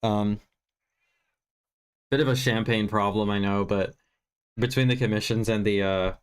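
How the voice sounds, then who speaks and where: A lowish, clear, resonant male voice with fairly even intonation and an unhurried delivery. The speaker, a film review host on a livestream from Virginia in the US, is tired and getting over clogged sinuses; his casual chat rambles, stays candid, mocks himself, and includes some swearing.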